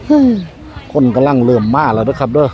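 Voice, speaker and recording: A man's voice: mid-range voice, fast talker, mellow. A man with an Isan northeastern Thai accent giving a casual market tour, hyping cheap prices and repeating phrases to viewers. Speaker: market vlogger. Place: outdoor roadside market. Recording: noisy outdoor market with passing vehicles.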